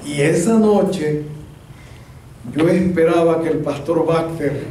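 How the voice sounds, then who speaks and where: Man preaching, high voice, lively humorous storyteller; distant mic in a very echoey church hall. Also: slow pace, slight background noise. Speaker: pastor. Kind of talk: storytelling sermon.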